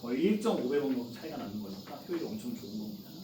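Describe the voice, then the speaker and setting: A man's voice: mid-range voice, very animated, very fast, noisy background. A man in his forties teaching a class in a classroom, chatty, often asking students questions and answering them himself. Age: 40s. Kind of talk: classroom lecture. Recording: echoey classroom from far off.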